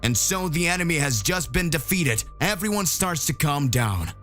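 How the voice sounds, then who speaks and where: Animated male story narrator, forceful delivery. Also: on the high side, moderate pace, soft background music. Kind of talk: animated scripted fan-fiction narration.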